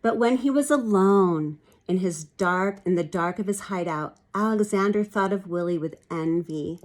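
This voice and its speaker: A woman with a fairly low voice reads a children's storybook aloud at a moderate pace. She reads expressively and comments on the pictures, explaining things like a teacher.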